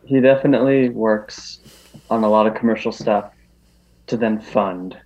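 A man's voice: lowish voice, normal speed, a crowd in the background. A man speaking as an interview guest in casual talk, hesitant, with many ums and restarts. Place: New York. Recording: dull lo-fi recording.

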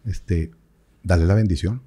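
A man's voice: sits low, measured pace, mellow, breathy edge. A priest telling a personal story in an interview, with strong feeling and his voice sometimes rising. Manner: talks with feeling, voice rising and breaking at moments, quoting others.

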